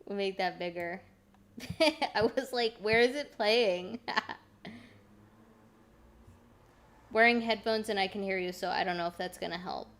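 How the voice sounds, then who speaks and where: A woman's voice: mid-range voice, a little slow, long pauses, fairly bright tone. A woman streamer giving casual reaction commentary into a desk mic. She is chatty, exclaims often and swears freely. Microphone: desk mic with adjustable gain.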